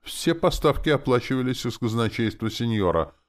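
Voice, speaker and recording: A man's voice: mid-range voice, moderate pace, pitched above the performer's own voice, close to an everyday voice. A man voicing a fawning, cheeky male zombie, a former official, in a wheezy, nasal voice in an audiobook. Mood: wheedling. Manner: flattering, cheeky, theatrical. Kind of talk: audiobook character voice.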